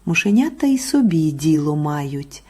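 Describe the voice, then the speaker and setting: A woman narrating a children's folk tale in a gentle, slow storybook manner. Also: low voice, sing-song.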